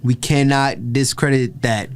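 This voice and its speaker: Unhurried and steady in tone, a mid-range male host rambles through a relaxed reaction chat, leaning heavily on "like" and "yo" and often starting over. Slight background noise is present.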